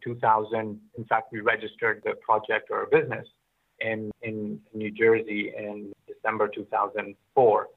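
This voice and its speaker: Over a narrow, thin line that sounds like a phone call, a middle-aged business founder reflects on his experiences as an interview guest. Born in Pakistan and raised in Oman, he speaks at a moderate pace in a lowish, fry-laden voice, completely flat, often restarting and repeating words.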